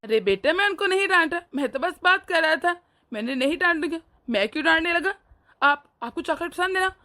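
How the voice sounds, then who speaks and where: A woman's voice: very high-pitched, animated, a little fast, sharp tone, exaggerated voice. A woman doing a doting, harsh young husband. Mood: coaxing. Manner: firm, dismissive, coaxing. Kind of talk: animated family drama dub.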